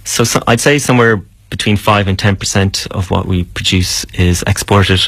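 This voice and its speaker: A man's voice: low voice, normal speed, creaky, a bit bright, dry recording. A man explaining things as an interview guest, casually and hesitantly, repeating words as he goes.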